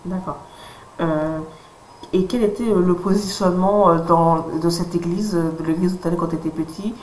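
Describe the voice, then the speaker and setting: A woman's voice: on the low side, steady tone, moderate pace. A woman interviewing a guest, asking questions hesitantly with many fillers and restarts. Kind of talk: casual interview. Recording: roomy sound with faint noise.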